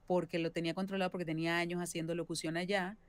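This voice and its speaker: A woman from Venezuela, a voice actress, explaining her work at length in a relaxed interview, often ending thoughts with a questioning tag. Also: on the low side, rapid-fire. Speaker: voice actress and singer-songwriter, guest. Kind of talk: casual interview chat.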